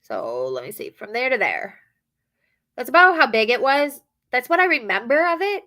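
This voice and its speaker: Chatty woman with a bright voice. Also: fairly high pitch, very animated, moderate pace. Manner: chatty, rambling, acts out quotes. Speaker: hotel front desk worker. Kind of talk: casual storytelling chat.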